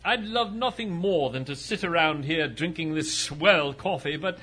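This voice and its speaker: A man's voice: fairly high pitch, normal speed, lightly acted. A man playing a blustering explorer colonel. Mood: impatient. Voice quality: bombastic, theatrical. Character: blustering pompous male jungle explorer colonel. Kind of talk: old-time radio adventure acting.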